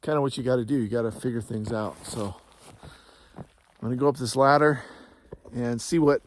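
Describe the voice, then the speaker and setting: A man's voice: mid-range voice, brisk, a little hiss or hum. Breathless man vlogging outdoors in snow. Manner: chatty, talks to his dog between remarks. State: out of breath from the cold. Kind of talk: casual vlog chat to camera. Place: outdoors in snowy mountains beside a travel trailer. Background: dog nearby.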